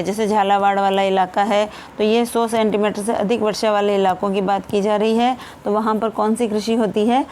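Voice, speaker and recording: Woman teacher, high-pitched revision lesson. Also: a little mellow, a little hiss or hum. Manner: addresses viewers as friends, asks and answers her own questions. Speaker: exam-prep teacher.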